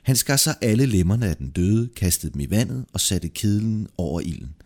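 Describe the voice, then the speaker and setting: A man narrating a folk tale aloud in a lively, expressive storytelling manner. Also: lowish voice.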